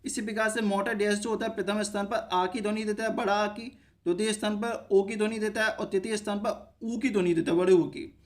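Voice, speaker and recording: A man's voice: high-pitched, steady tone, fairly quick. A man teaching a shorthand lesson, explaining each step by asking himself short questions and answering them, and often stopping to check that viewers follow.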